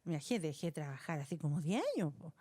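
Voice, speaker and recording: A middle-aged woman with a Chilean accent recounts a personal testimony as a podcast guest. Her voice is mellow and warm, and her pitch swings widely as she talks. She speaks in a loose, colloquial way and laughs along with her own story. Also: fast talker, husky. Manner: animated, colloquial, laughs while telling.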